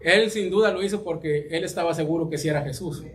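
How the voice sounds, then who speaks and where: A man preaches a sermon with a voice pitched a little high. He reads scripture aloud and often stops to repeat a word as he looks for the next one. He keeps calling the congregation his brothers. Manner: halting, repeats words while searching, addresses congregation as brothers.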